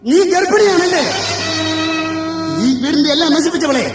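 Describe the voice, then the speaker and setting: A man voices a strict, harsh mother dog in a stage story, scolding in a high, hard voice. The sound is distant and echoey, with loud music behind. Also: normal speed. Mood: stern.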